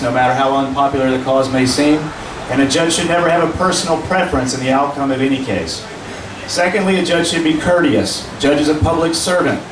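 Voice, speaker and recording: A man in his forties speaking as a judicial candidate at a public forum, measured and earnest, with fillers when answering questions. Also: a little high. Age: 40s. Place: meeting room at a public forum. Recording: roomy, distant, noisy room recording.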